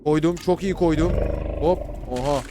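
A man giving casual, excitable commentary on a battle game, swearing and shouting at the units he controls. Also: on the high side, moderate pace, background noise. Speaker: gaming YouTuber. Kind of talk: casual Let's Play commentary.

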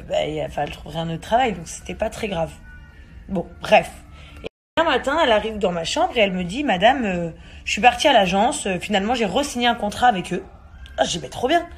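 A young woman, a mother and vlog host, casually telling a story to camera with many hesitations and animated quoted dialogue. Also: medium pitch.

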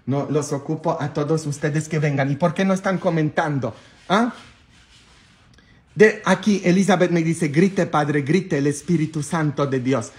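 A man with a Mexican accent, a priest chatting casually and loudly with his viewers, joking and excitable. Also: a little high, unhurried. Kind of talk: casual live video chat with viewers.

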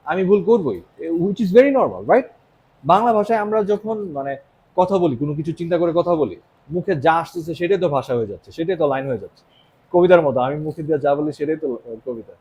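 A young male teacher with a Bangladeshi accent talks in a casual, encouraging way, mixing in English phrases and checking in with "right?" His voice sits a little high. A faint hum of noise runs behind him. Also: a little mellow, dull audio. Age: young adult. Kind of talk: motivational lesson to students.

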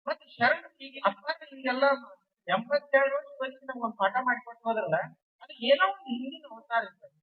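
A man's voice: extremely high pitch, fairly quick. A man giving a devotional discourse to a seated gathering, telling stories with repeated emphatic phrases. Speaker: religious speaker. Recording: distant, tinny phone-like sound.

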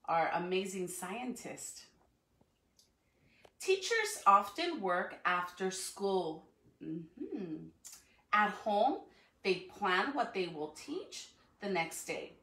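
Medium in pitch, her voice is very animated, bright and forceful, delivered extremely slowly. She's a school educator livestreaming a read-aloud to children from her living room, encouraging them with questions. The echoey room and a phone or camera several feet away leave her sounding far from the mic.

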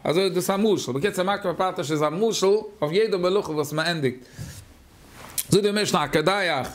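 In a high voice, a man with a Yiddish accent teaches a Talmud class, his speech halting, repetitive, and full of fillers.

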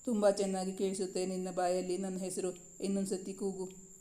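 A woman's voice: mid-range voice, completely flat delivery, normal speed, dark tone, close to an everyday voice. Woman reading as a doting young husband. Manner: teasing and coaxing.

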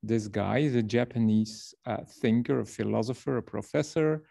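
A man from Belgium presents to a workshop over a video call, with a gravelly, dark voice. He explains and tells a story at length, repeating words now and then. The sound is dry and close. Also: mid-range voice, moderate pace, dry recording.

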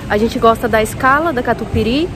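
Filming on a phone at arm's length, this young café owner and vlogger talks casually to her audience as she browses a large indoor warehouse supermarket and weighs up prices aloud. She speaks briskly in a higher register, with loud shop noise all around.

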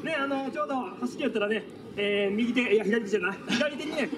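A genial samurai leader acted by a man chats on an outdoor stage in a Kochi accent. The voice sits very high for a man, with clear street noise around it. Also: fast, far from the mic. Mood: genial chatting. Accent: Kochi Japanese. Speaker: costumed tourism-troupe performer. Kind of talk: chatty stage event patter. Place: open-air city plaza stage.

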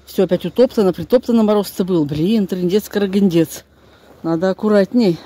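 An older woman with a Northern Russian accent vlogs as she walks, chatting and grumbling casually to viewers, her voice medium-pitched, a little fast, warm and slightly breathy. She's mostly outdoors on snowy residential streets, with brief moments in a stairwell and on a bus. The handheld phone recording is noisy, full of street ambience.

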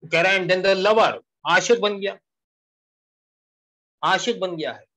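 A man giving a poetry lesson, explaining slowly and repeating key lines while switching between Hindi-Urdu and English. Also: sits high, pushed and bright. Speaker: English literature teacher. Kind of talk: classroom-style poetry lecture.

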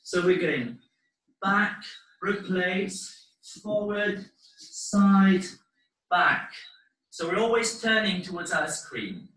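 In his living room, a dance teacher counts and guides a live class step by step, encouraging everyone and hesitating between instructions. His voice is high, bright, and expressive, and he speaks slowly with long pauses. Captured by a laptop or webcam mic across the room, the sound is roomy and distant.

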